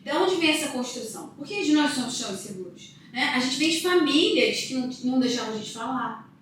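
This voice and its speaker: A woman's voice: high voice, expressive, a little fast, fairly bright tone, distant mic, slight background noise. A woman in her thirties, a psychologist who is a guest on a podcast, talking casually and telling stories with emphasis. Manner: storytelling, emphatic. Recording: echoey room, voice from off-mic.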